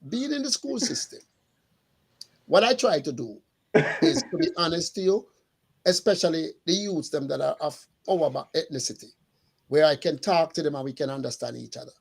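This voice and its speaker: A middle-aged man, a school custodian telling lively stories in casual chat and acting out the dialogue. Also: fairly high pitch, moderate pace, gravelly, husky. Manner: animated storyteller, acts out dialogue.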